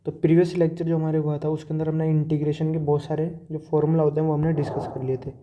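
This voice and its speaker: A man's voice: fairly high pitch, level tone, fast talker, dull audio, slight background noise. A man teaching calculus step by step, explaining problems while he writes and mixing English math terms into his speech. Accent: Hindi-speaking Indian. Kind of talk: whiteboard lecture, step-by-step explanation.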